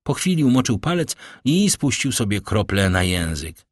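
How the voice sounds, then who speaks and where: A man reading an audiobook in a measured, theatrical way, dropping low and quiet for dread. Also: sing-song, no echo, clean studio sound. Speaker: audiobook narrator. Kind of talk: dramatic scripted narration.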